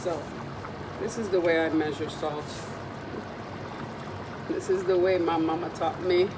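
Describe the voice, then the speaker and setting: A woman hosting a cooking video chats her way through a demonstration in her home kitchen, rambling with frequent ums and side remarks. Her voice is raspy and slightly low from a cold she's still recovering from, steady and measured, with loud background noise beneath it.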